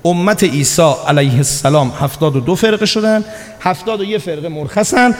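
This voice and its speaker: A man preaching a sermon, his voice sitting on the higher side for a man. He tells stories and acts out the dialogue in them, swinging between loud urging and hushed, low asides. His voice rings out with a long tail of hall reverb. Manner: storytelling, acting out quoted dialogue.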